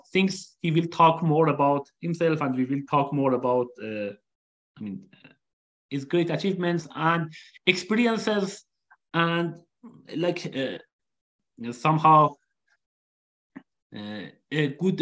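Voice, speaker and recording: Man, host, live online interview, halting speech full of fillers, fairly high pitch. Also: a bit bright. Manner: hesitant, many fillers.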